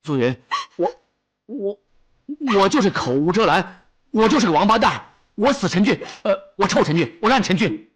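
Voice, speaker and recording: A pleading young man, husky. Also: high voice, sing-song, normal speed, full character voice. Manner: pleading, coaxing, self-deprecating. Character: young man begging his crying sweetheart. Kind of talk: TV costume drama acting.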